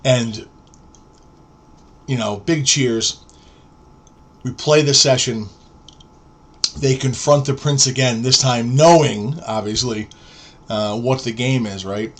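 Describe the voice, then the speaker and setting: A man in his forties tells a story on a podcast in a relaxed, chatty way. He acts out each quoted line with bursts of energy. His voice sits at an ordinary middle pitch. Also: takes it slowly, pauses often. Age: 40s. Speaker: podcast co-host. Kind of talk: casual storytelling chat.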